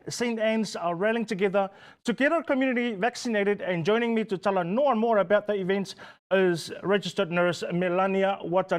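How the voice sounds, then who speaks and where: A man hosting a community health talk show, giving formal, welcoming introductions with a New Zealand Pacific accent. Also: sits high. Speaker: host.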